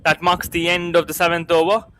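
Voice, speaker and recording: Bright-voiced Indian-accented man commentating on cricket. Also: a little high, level tone, brisk. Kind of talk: live match commentary.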